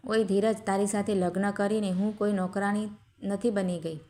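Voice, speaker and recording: A woman's voice: medium pitch, steady tone, normal speed, close to an everyday voice. A woman voicing a spoiled, contemptuous young wife from a rich family in a told story. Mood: angry. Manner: contemptuous, sharp-tongued.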